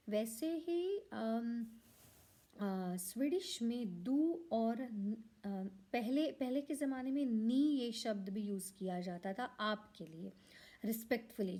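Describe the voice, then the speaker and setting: A woman teaching a language lesson, explaining slowly with many fillers and restarts and dropping English words into her talk. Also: fairly high pitch, animated, dark tone.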